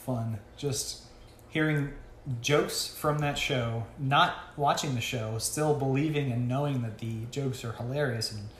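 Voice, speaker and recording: A man chats and jokes on a podcast, quick to laugh and lively in his riffs. His mid-range voice carries an echo off the apartment walls. A faint hiss sits under it. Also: mid-range voice. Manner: laughs often, animated, riffs on accents. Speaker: podcast co-host. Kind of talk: casual chat. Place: apartment room. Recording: echoey room with faint noise.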